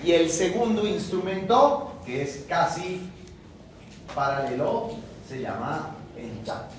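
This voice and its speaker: A man's voice: fairly high pitch, expressive, takes it slowly, echoey room, a little hiss or hum. A middle-aged man giving a classroom lecture in a colloquial, emphatic way, repeating his key phrases. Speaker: university lecturer.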